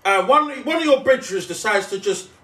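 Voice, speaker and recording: Young london roadman guy chatting, high lively voice, roomy far-off mic. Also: a little fast. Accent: London, multicultural street slang. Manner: animated, slangy, repetitive stumbling delivery. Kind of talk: casual banter storytelling. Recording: echoey room, distant mic, noisy.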